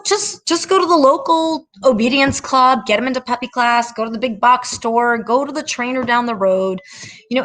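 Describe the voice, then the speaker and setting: A woman's voice: on the high side, a bit bright. A middle-aged woman who trains dogs, giving direct, chatty advice in a casual talk and telling stories along the way. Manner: chatty, direct, anecdotal, emphatic. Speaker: dog trainer hosting a Q&A.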